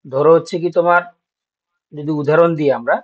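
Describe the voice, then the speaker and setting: Male teacher, a bit high, lecturing and checking understanding; dull lo-fi sound. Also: fairly even intonation, fairly quick. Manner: explains step by step, asks checking questions. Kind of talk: exam-prep class lecture.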